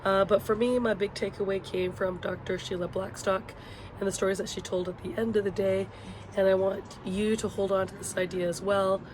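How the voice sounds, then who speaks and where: On a patio outdoors, a woman who teaches education at a university records a casual video blog with course updates for her students. Her voice is hoarse and sounds sick, medium in pitch and level in tone, and she speaks hesitantly with pauses. The rough recording is full of loud traffic noise from outside.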